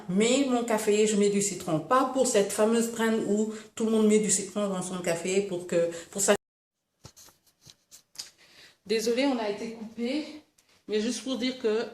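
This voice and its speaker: A woman from Senegal chatting casually through her morning routine in a lifestyle vlog, relaxed and talkative. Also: medium pitch. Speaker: lifestyle vlogger. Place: room at home. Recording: echoey room, faint noise.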